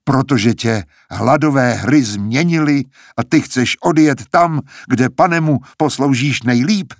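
A man voicing a stern, bitter older male academy dean in an audiobook, speaking in a cold, measured, mocking way. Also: medium pitch, dry recording, clean studio sound, pitched above the performer's own voice, natural voice.

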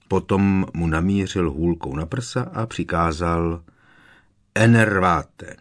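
A man narrating a story as an audiobook reader, telling it dramatically. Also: low voice. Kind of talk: scripted narration.

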